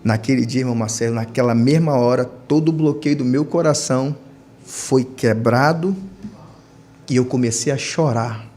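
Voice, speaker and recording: A man in his thirties with a Brazilian Portuguese accent, a deacon telling his personal testimony on a church podcast, climbing high in pitch when he acts out his own past words. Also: normal speed. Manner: storytelling, rising to high, animated pitch when quoting himself.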